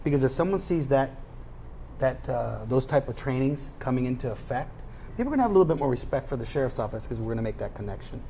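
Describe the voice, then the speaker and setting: A man's voice: mid-range voice, animated, fast, creaky, mellow, slight background noise. A man running for sheriff, speaking earnestly in an interview and listing his credentials plainly. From United States. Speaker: sheriff candidate. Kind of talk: campaign pitch in interview.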